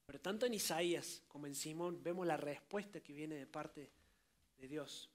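A man's voice: on the high side, moderate pace. A man preaching a sermon, speaking directly to his listeners and acting out scripture quotes with dramatic voices. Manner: colloquial asides, addresses listeners directly.

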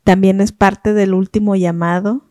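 A woman's voice: medium pitch, flat delivery, moderate pace, dark tone, dry recording, studio quality. A woman hosting a podcast and asking questions in a casual, chatty way. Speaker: podcast host and interviewer. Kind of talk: casual chat.

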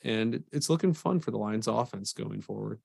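A man's voice: on the low side, expressive, brisk, creaky, a little mellow, no room sound, studio quality. A man co-hosting a casual sports podcast, rambling and enthusiastic as he talks football. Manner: enthusiastic, rambling fan talk. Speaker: podcast co-host.

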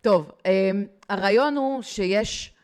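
Woman guest, lively storyteller, mid-pitched, acts out voices, talks straight to the host. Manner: lively, acts out quoted people, addresses host directly. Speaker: guest expert on digital habits. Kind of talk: podcast interview, animated storytelling.

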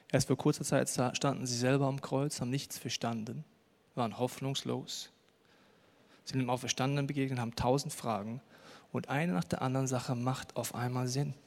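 A man's voice: medium pitch, fairly even intonation, brisk, vocal fry, darkish tone, big-room sound. A man preaching a sermon, telling the story earnestly and acting out what the disciples might say.

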